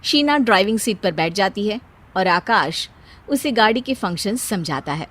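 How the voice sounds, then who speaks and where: A woman narrates a scripted family story as its storyteller, her mid-range voice animated and fairly bright at a moderate pace.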